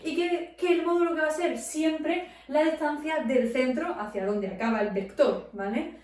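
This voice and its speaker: A woman with a high, slightly mellow voice tutors students in physics at a normal speed, explaining step by step. She asks and answers her own questions and checks in often with "¿vale?" She sounds distant from the mic in a very echoey room.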